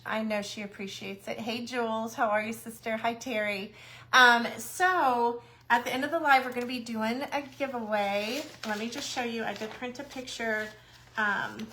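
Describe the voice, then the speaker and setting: A woman's voice: fairly high pitch, bright, forceful tone, a little hiss or hum. A woman hosting a casual craft livestream, chatty and a little nervous, greeting viewers by name.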